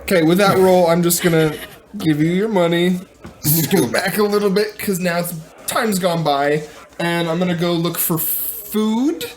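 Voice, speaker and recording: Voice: mid-range voice, measured pace, a little hiss or hum. A tabletop player bantering smugly in character, with faint music behind. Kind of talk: tabletop role-play.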